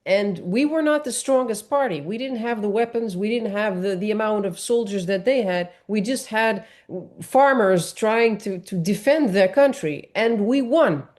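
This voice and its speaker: A woman's voice: mid-range voice, moderate pace, hardly any pauses, a little mellow. A woman from Morocco, speaking earnestly on a panel discussion and explaining at length with frequent restarts.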